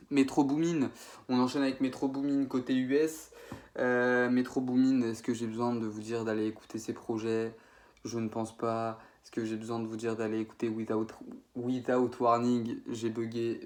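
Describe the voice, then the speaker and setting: A man's voice: medium pitch, darkish tone. Give me a young man from France talking casually on camera, slangy and rambling. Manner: rambling, many fillers and self-corrections; slangy, informal French. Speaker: YouTuber ranking rap producers. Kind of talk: casual spoken ranking video.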